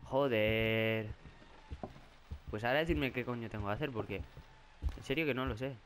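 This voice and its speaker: At a normal speed and in a fairly bright, mid-range voice, a young Spaniard with a Spanish accent plays through a horror game as a gaming YouTuber. He narrates, startles easily, curses, and cries out in fright, with faint noise in the background.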